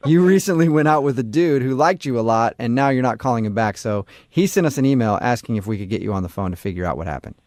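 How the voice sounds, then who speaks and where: A man's voice: mid-range voice, quick pace, hardly any pauses, a little mellow, no room sound, studio quality. A male morning radio host, playful and teasing, interviewing callers.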